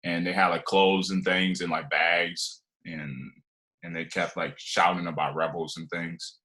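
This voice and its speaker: A forceful, bright voice that sits low comes across flat and unhurried. The speaker, a Liberian-born man in his twenties, is a podcast guest casually relating his life story, drifting along with frequent fillers and restarts.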